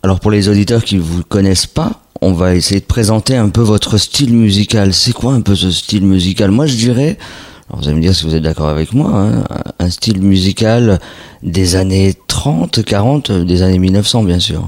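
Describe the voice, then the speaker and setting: A man's voice: low voice, a little fast, a little mellow. A man hosting a casual radio interview, chatty and often adding little question tags. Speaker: radio host.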